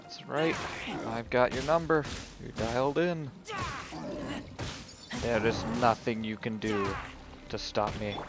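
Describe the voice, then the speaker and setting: Over video game music, a male streamer plays and casually narrates, addressing his viewers and muttering to himself. He has a medium-pitched, fairly even voice and takes his time, pausing often.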